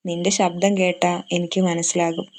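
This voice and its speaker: A woman voicing a gentle young man who quietly carries grief, speaking calmly and softly in a storybook romance. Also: lowish voice, moderate pace, slight background noise, lightly acted.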